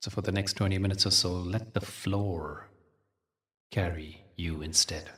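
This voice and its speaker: Sitting far from the mic, a male teacher with a low voice leads meditation through spiritual storytelling. His tone stays steady, gentle and soothing, paced carefully with intentional pauses.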